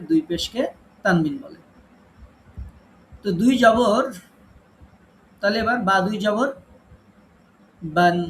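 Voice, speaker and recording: A man with a high voice teaches an online class on Quran recitation. He explains step by step and patiently repeats the main rules. There is a faint hiss of noise under his voice. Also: rough recording. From Bangladesh.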